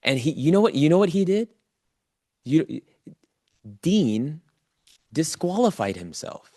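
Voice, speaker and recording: Speaking to a live online audience, a man gives a motivational coaching talk, addressing listeners informally and directly and repeating key phrases for emphasis. His voice is fairly high with a darkish tone, captured in studio quality with no echo.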